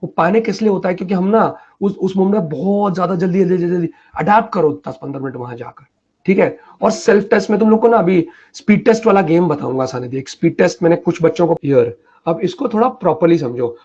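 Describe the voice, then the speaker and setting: A man's voice: sits high, expressive, fast talker, darkish tone, highs cut off. A man mentoring students in a casual live Q&A, talking emphatically and colloquially and often slipping into English phrases. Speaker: mentor answering students' questions.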